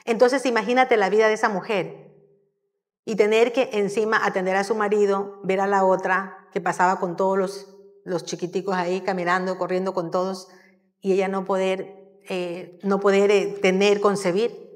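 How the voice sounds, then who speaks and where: A woman giving a sermon in a church, telling the story in a lively, conversational way. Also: medium pitch, normal speed. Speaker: church speaker. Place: church hall. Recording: long hall reverb.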